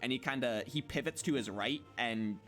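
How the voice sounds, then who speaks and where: Guy player in a tabletop game, kinda halting, um-ing a lot, music low behind. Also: a bit bright. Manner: hesitant, many fillers and restarts. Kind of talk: casual tabletop play.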